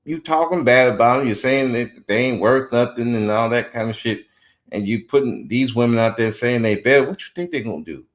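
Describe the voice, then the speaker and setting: Speaking a little fast at a medium pitch, a man in his forties runs a podcast full of blunt opinions. His manner is animated, and he slips into mockery when repeating what others said.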